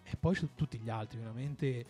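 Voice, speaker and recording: A man's voice: mid-range voice, fast talker, dark tone, faint music behind. A man co-hosting a football discussion, analysing conversationally and often searching for words and repeating himself. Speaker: football pundit and co-host. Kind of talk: conversational match commentary and analysis.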